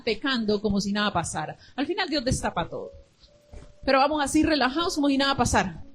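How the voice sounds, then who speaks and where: A middle-aged woman pastor with a Colombian accent preaching a sermon, telling stories and acting out dialogue with lively emphasis. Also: on the high side. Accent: Colombian Spanish. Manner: animated storytelling, quoting dialogue with rising emphasis.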